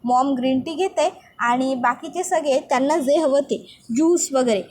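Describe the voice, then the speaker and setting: A woman's voice: high voice, moderate pace, a little mellow, slight background noise, lightly acted. A woman voicing a playful, affectionate young husband who coaxes and teases his wife. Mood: teasing. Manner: teasing, coaxing.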